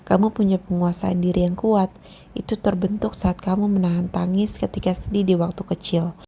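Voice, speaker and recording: A woman reading the part of a patient doctor and mentor in a storybook, gentle and explanatory. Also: fairly low pitch, little pitch movement, normal speed, gravelly, a little hiss or hum. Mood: calm.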